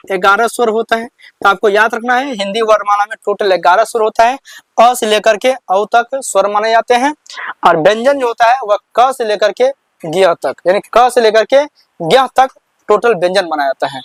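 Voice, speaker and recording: A high-voiced man teaches the alphabet like a classroom lesson, asking "what will we read?" and answering it himself. The sound is close and completely dry, with no room echo. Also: a bit bright. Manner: repeats questions back to students, counts slowly. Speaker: Hindi teacher. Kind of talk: slow classroom explanation.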